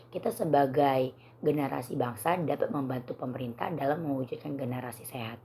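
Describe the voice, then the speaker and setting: Low, hoarse young woman giving a presentation. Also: a little mellow, slight background noise. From Indonesia. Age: young adult. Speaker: university student presenter. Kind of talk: prepared student presentation.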